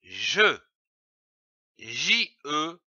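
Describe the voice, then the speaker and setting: A man teaching a reading lesson, spelling out syllables slowly and clearly with emphatic delivery. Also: on the high side, big pitch swings, sharp tone, highs cut off. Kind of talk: slow, deliberate reading lesson.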